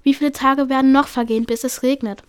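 A tired, sighing she-cat fretting over the drought, read out by a woman from a storybook. The voice is fairly high and dry. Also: steady tone, fast, smooth, dry recording, natural voice. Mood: weary. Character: weary adult she-cat worried about drought.

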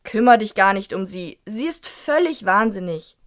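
A woman voicing an eccentric old great-uncle who talks gruffly and shouts. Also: mid-range voice, sing-song, takes it slowly.

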